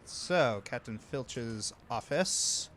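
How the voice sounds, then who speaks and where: A man's voice: medium pitch, expressive, fairly bright tone. A man narrating a tabletop game casually as game master, often backtracking on his sentences. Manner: halting, backtracking.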